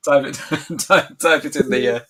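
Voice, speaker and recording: A man's voice: mid-range voice, fairly even intonation, normal speed, pushed and bright. A man co-hosting a casual live quiz lesson as a tutor, light-hearted and encouraging.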